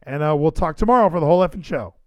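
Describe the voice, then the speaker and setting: A man's voice: on the high side, expressive, rapid-fire, dry recording, muffled recording. A man hosting a podcast livestream in casual chat, rambling and emphatic, repeating phrases for effect. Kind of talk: casual wrestling show chat.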